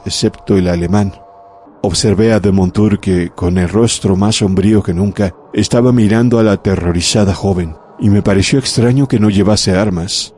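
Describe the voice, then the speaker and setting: A man narrating a horror audiobook in a measured, dramatic way. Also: fairly low pitch, darkish tone, slight background noise. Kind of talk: scripted narration of a horror story.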